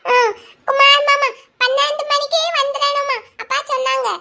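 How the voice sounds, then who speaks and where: A woman's voice: very high-pitched, flat delivery, moderate pace, creaky, bright, forceful tone, a little hiss or hum, full character voice. A woman voicing a stubborn, clingy little boy in a cartoon, childish and often tearful. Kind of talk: cartoon voice acting.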